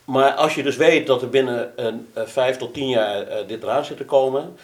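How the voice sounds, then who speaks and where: A man asking questions as a council member in a formal meeting, halting and searching for words. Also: medium pitch, roomy sound.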